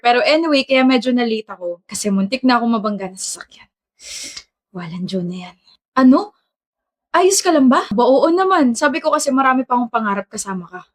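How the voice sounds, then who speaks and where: Brief: woman for comedy skit dialogue, playful and teasing, slightly high pitch. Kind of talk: acted romantic comedy skit.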